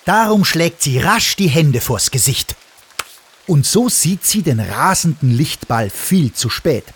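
A man reading a children's story aloud in an expressive, animated way. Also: fairly high pitch, a little slow, slight background noise.

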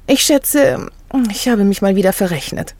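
A woman's voice: mid-range voice, normal speed, darkish tone, voice pushed up, lightly acted. A woman voicing a sad little schoolgirl in a read-aloud story, with a raised, childlike voice. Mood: forlorn.

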